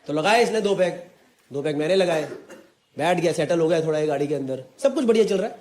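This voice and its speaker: A man from the Delhi area doing a stand-up comedy set, telling an animated story in mixed Hindi and English and putting on voices for the people in it. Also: a little high, quick pace. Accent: Delhi NCR Hindi. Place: live comedy venue with audience. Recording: echoey room, crowd laughter, background noise. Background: audience laughter.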